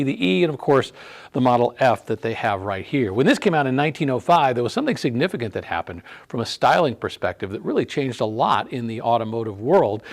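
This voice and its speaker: A man hosting a video in a car museum, talking in a chatty, conversational way. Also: medium pitch. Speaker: host. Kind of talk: casual presenting.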